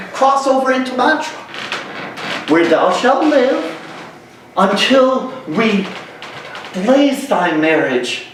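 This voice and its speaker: A man performing a stern, exasperated friar scolding a young man in a slow, declamatory Shakespeare stage monologue. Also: extremely high pitch, pitched above the performer's own voice, exaggerated voice. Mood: urgent, admonishing. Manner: theatrical, emphatic, slow deliberate phrasing. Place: large hall, live stage. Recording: echoey hall, distant mic, faint noise.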